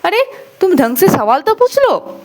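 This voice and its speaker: Woman doing a cranky sick professor lady, sarcastic, scolds a lot, highish voice. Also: big pitch swings, unhurried, a little mellow, exaggerated voice. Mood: scolding. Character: stern sarcastic female professor, feverish and irritable.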